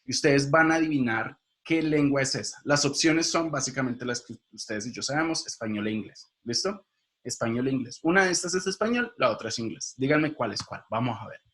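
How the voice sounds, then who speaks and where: A male teacher gives a video lecture in a voice of middling pitch. He explains each point step by step and turns to his viewers with quick questions. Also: expressive, a bit bright. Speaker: linguistics teacher.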